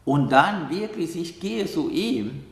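A man speaks slowly and haltingly, pausing to find words and tagging his thoughts with a questioning "ja?". His voice sits a little high for a man. The room around him rings with a long, echoey reverb. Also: animated, creaky. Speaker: meditation teacher who accompanies the dying. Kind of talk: calm reflective interview answer.

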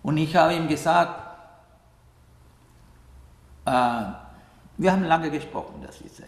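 A man speaks slowly and haltingly, pausing to find words and tagging his thoughts with a questioning "ja?". His voice sits a little high for a man. The room around him rings with a long, echoey reverb. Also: vocal fry. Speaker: meditation teacher who accompanies the dying. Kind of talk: calm reflective interview answer.

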